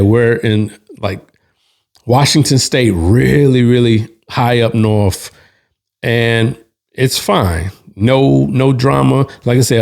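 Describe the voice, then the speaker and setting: A man hosting, telling a bar story in a relaxed, slangy way with restarts and asides. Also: mid-range voice, vocal fry. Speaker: host. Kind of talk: casual storytelling.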